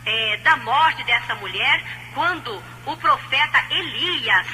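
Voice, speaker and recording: A woman's voice: high voice, expressive, slow, bright, forceful tone. A Brazilian woman teaching a Bible study in an insistent, admonishing manner, on an old dubbed cassette tape. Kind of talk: religious teaching, exhorting. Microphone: recorded on cassette. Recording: old cassette tape dub copy, hiss, hum.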